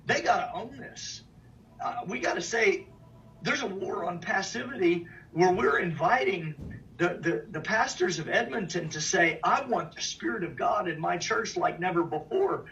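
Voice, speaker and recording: A man's voice: high-pitched, expressive, normal speed, fairly bright tone, distant mic. A man speaks in an emphatic preaching style, stretching out key words for weight. He sits well back from a dull-sounding mic, with a faint hiss of noise behind him. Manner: emphatic, draws out key phrases, lists places. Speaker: minister.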